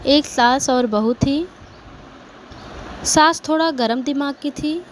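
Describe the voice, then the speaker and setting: A woman's voice: high voice, slight background noise, rough recording. A woman with an Awadhi-tinged Hindi accent narrating a devotional folk story in a plain, simple manner.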